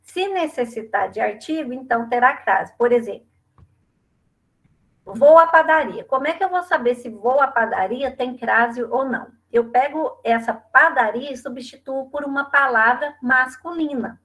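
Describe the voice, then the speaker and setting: A middle-aged woman with a Brazilian Portuguese accent, teaching an online class and explaining step by step, often checking in with a quick tag question. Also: sits high, fairly bright tone.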